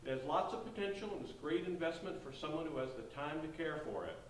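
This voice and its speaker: In a staged play reading, a man plays a polite, folksy Southern real estate agent giving a sales tour of an old inn. His voice sits on the high side and sounds close to everyday speech, expressive and fast, with a courteous, selling mood. The hall is echoey, the mic distant, and there is faint noise.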